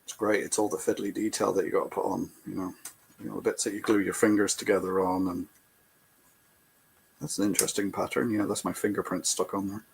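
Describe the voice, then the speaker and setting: Gravelly low-voiced Irish man chatting. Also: fairly quick, slight background noise, poor audio. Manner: relaxed, chatty, thinking aloud while working. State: tired, yawning. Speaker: livestream host. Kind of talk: casual chat while building a model kit. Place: bedroom.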